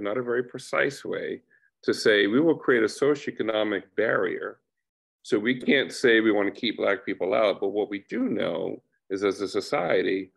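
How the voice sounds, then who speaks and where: Earnest man with a gravelly low voice. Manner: earnest, deliberate explanation. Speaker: panelist, former town board member. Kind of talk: panel discussion over video call. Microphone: video call webcam.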